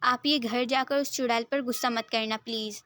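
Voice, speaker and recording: A woman's voice: fairly high pitch, steady tone, moderate pace, a bit bright, no echo, lightly acted. A woman voicing a stubborn, hot-tempered young man who talks in a sulky, petulant way, in a dry recording. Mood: pleading, stubborn.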